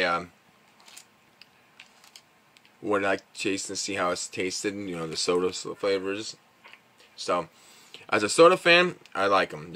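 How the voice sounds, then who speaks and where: A man's voice: lowish voice, sharp tone. A man vlogging at home, tasting and reviewing candy in a rambling, casual way, full of fillers, sometimes talking while chewing. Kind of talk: casual chat. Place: at home with his dog.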